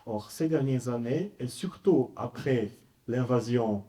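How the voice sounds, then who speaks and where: Halting man with a Polish accent in French. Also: mid-range voice, warm tone. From Poland. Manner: halting, searching for words, speaking French with a foreign accent. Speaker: researcher on a debate panel. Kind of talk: panel talk, expert explanation.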